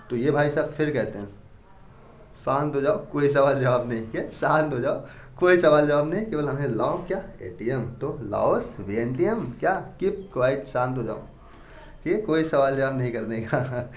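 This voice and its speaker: Male teacher who drills students by asking and answering his own questions. Slightly high voice, recorded in a roomy space with faint background hiss. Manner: repeats questions and answers them himself. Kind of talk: classroom lecture with mnemonic stories. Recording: echoey, dull lo-fi room sound.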